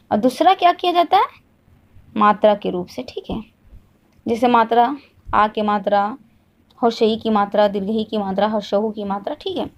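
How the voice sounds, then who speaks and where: Hindi teacher woman quizzing and repeating. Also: a little high. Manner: asks questions and answers them herself, repeats each point. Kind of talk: classroom lesson.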